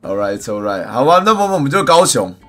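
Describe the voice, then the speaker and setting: A man, a live streamer chatting and ranting loudly and mixing in English phrases. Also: mid-range voice, sing-song, fast, soft background music. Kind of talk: casual livestream chat.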